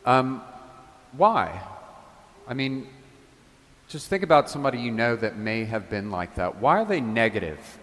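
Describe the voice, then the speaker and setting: A man who is a parish priest, giving a homily in a relaxed, conversational way, telling stories with casual asides. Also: medium pitch, measured pace, long pauses, long reverb tail.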